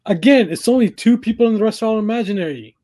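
Teasing co-host, slightly high male voice. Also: quick pace, mellow. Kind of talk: casual chat.

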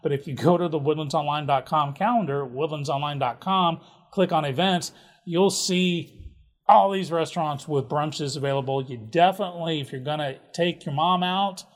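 A man hosting a casual local events rundown, chatty and jokey with offhand asides. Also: a little high. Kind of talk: casual community calendar rundown.

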